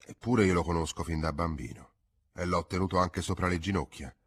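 A man voicing an old farmhand who pleads slowly and stubbornly in a storybook reading, with a husky voice. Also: low voice. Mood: pleading.

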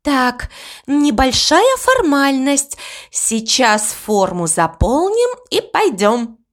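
A woman reading an audiobook voices Death as a young female trainee, brisk, bossy and matter-of-fact. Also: high-pitched, big pitch swings, voice pushed up, full character voice.

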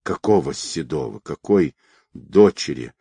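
A man voicing a hoarse, groaning middle-aged criminal who is hostile and in pain. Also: low-pitched, very animated, slow pace, no echo, heavily acted.

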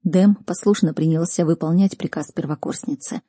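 A woman reading first-person fantasy narration as an audiobook reader, measured and tense. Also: sits low, fairly even intonation, warm tone, breathy edge, dry recording.

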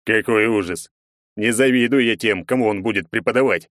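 A man's voice: lowish voice, fairly quick, a bit bright, no room sound, clean studio sound, lightly acted. A man voicing a burly, hot-tempered half-dwarf young man in an audiobook, indignant and blustering. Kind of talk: audiobook narration.

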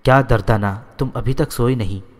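A man voicing a gentle young woman in a storybook reading, calmly and in his own voice. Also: medium pitch, long reverb tail, close to an everyday voice.

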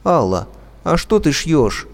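A man voicing a small timid boy in a children's story, speaking slowly and pleading. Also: a little high, big pitch swings, gravelly, long reverb tail, pitched above the performer's own voice, exaggerated voice. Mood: curious.

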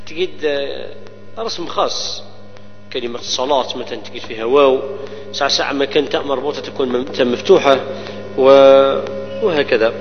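A man with a medium-pitched voice teaches tajweed, explaining each rule of Quran recitation and then reciting example words slowly and repeating them. The recording is dull and lo-fi, with long reverb, hum, and faint music behind.

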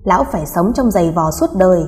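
A wronged older mother speaks slowly and coldly in a spoken storybook, voiced by a woman narrator. Her tone is measured and bitter. The voice stays warm and mellow. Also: fairly low pitch, expressive, in a large hall, close to an everyday voice.

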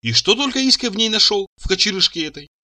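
A man's voice: sits high, animated, quick pace, bright, forceful tone. A man narrating an audiobook in the first person, telling the story expressively. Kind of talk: audiobook reading.

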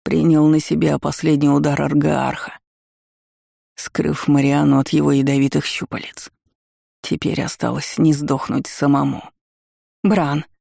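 A man giving steady, scripted audiobook narration. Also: a little high, moderate pace, creaky, no echo, studio quality.

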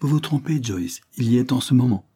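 A man reading aloud voices a calm, firm gentleman lawyer, steady and earnest. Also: mid-range voice, a little fast, breathy edge, pitched above the performer's own voice.

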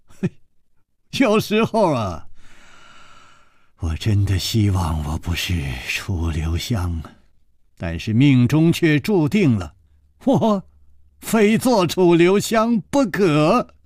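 A man voicing a calm, gentle, self-assured male hero in a storybook reading. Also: no room sound, studio quality, full character voice. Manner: soft, low, measured.

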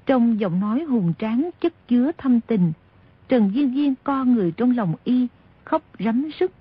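A woman narrating a novel aloud in steady, expressive storytelling. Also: on the high side, unhurried, breathy edge, no room sound. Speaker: audiobook narrator. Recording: dull lo-fi audio.

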